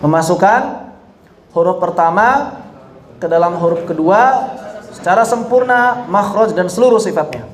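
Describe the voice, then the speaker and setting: A man teaches Quran recitation, explaining each rule and then sounding out phrases slowly for his students to copy. His voice sits high and his pace is unhurried. The room around him is echoey. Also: lively intonation. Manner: drills slow example phrases for students to repeat; corrective, explains then demonstrates. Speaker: tajwid teacher.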